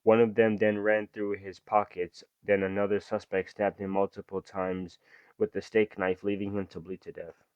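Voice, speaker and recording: A young man reads true-crime stories aloud and drops into loose, slangy commentary between passages. His voice sits fairly low. The recording is dry and a little dull, like a home mic with the highs rolled off. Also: flat delivery, normal speed, clean tone, no room sound. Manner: reads story aloud, then breaks off into slangy asides. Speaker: reaction video host. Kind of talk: casual reaction commentary.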